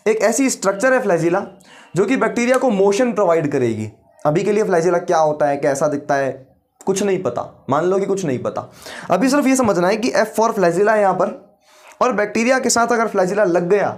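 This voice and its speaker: A man teaching biology. He asks the class questions, answers them himself and repeats the key terms slowly. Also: sits high. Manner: mixes English science terms into Hindi. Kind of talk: classroom lecture.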